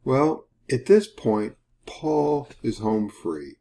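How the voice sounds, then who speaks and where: A man teaching a Bible study in an earnest, measured way, retelling a scripture story and reading passages aloud. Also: mid-range voice, very animated, creaky, dark tone.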